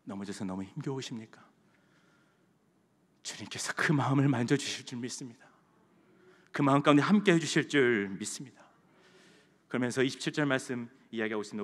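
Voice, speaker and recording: A male pastor giving an impassioned sermon in a church sanctuary, repeating his phrases for emphasis. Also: mid-range voice. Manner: impassioned, repetitive preaching. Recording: long church hall reverb.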